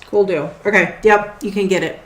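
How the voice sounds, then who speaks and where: A woman narrating as game master in a tabletop game, talking casually with many fillers and pauses. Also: medium pitch, fairly even intonation, roomy sound.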